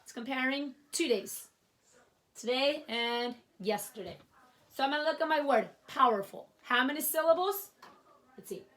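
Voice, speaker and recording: Her voice sits high, animated and a bit bright as this woman teacher works through a grammar lesson at a board. She writes while talking, stays slow and patient, and checks in again and again with "okay?"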